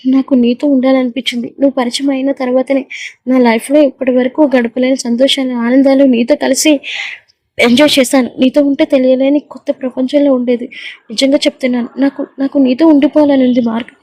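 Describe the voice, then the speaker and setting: A woman's voice: high voice, level tone, fast talker, mellow, no echo, low-quality recording. A woman voicing a tearful young woman pleading her love, in a read-aloud audio story. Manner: pleading and earnest.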